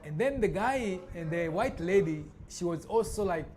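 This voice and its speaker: A man giving casual spoken commentary, halting and restarting often with many fillers. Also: high-pitched, animated, darkish tone. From Tanzania. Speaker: vlogger. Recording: noisy background ambience.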